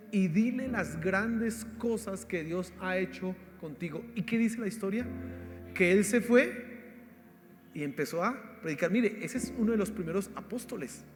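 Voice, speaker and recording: A Colombian man preaching a sermon as pastor, exhorting his listeners as "hermano" and swinging between loud emphasis and quiet asides. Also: high voice. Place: church hall. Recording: live church stream with reverb and faint music.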